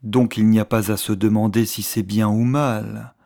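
A woman voicing an anxious, hesitant young man who thinks aloud in a low, slow voice. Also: steady tone, gravelly, warm tone, no echo, clean studio sound. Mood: brooding.

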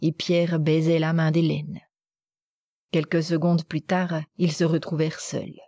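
Reading a novel for an audiobook, a woman speaks in a low, warm, mellow voice with a husky grain. Her delivery is unhurried with little pitch movement, and the recording is close and dry.

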